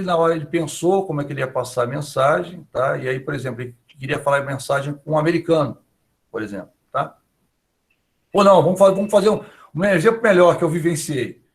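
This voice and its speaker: A male professor with a Brazilian Portuguese accent lectures an online class in a medium-pitched voice with vocal fry. He keeps it conversational and chatty, regularly adding little check-in questions to his sentences.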